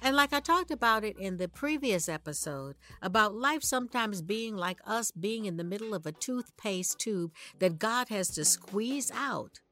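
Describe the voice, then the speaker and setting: A woman's voice: medium pitch, lively intonation, normal speed, few pauses, a bit bright, no room sound. A woman hosting an inspirational ministry podcast, speaking in a conversational, preaching style with rhetorical questions and dramatic emphasis. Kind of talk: motivational sermon-like monologue.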